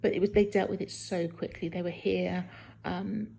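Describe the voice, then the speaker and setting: A woman talking casually in a halting video diary from a hospital room, sounding weak and tired and in some pain hours after surgery. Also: lowish voice, flat delivery, dark tone. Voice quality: husky, creaky. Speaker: patient recording a post-op video diary.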